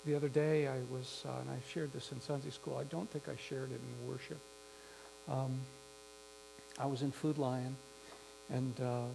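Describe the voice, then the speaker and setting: A man preaching a sermon, telling a story slowly and reflectively with some restarts. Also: mid-range voice, vocal fry. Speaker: pastor. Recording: faint mains hum.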